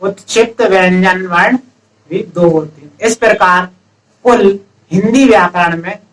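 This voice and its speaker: Male teacher with a high voice, recorded from a distance from the mic; explains slowly and quizzes the class. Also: fairly bright tone. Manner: explains step by step, asks the students questions and answers them himself. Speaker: Hindi grammar teacher. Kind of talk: classroom-style lesson.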